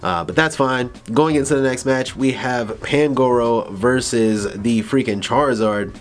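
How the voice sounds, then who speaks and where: A man's voice: mid-range voice, unhurried, soft background music. A young man giving casual, rambling commentary over a video game battle, laughing and stumbling over his words now and then. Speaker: gaming YouTuber.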